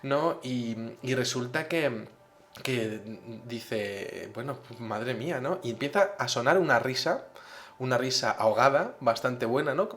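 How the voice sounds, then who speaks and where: Man, casual storytelling, middle pitch, tag question after nearly every phrase. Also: animated, a little slow, a bit bright. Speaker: host.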